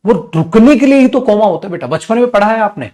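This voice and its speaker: A male teacher giving a live online class. He speaks in a lively way, asks and answers his own questions, calls his students "beta", and slows down to spell out English example sentences. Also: high-pitched.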